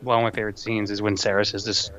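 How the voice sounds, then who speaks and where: A man's voice: fairly low pitch, level tone, racing, fairly bright tone. Rambling man on a dull lo-fi mic. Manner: rambling, laughs between thoughts. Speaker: podcast co-host. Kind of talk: casual late-night chat.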